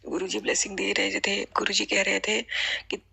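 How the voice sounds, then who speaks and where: A woman shares a devotional testimony in an earnest, tearful voice, addressing her listeners over and over. Her voice is bright and sharp, with a gravelly, husky edge. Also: mid-range voice, level tone, moderate pace. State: tearful, emotional. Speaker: devotional satsang speaker.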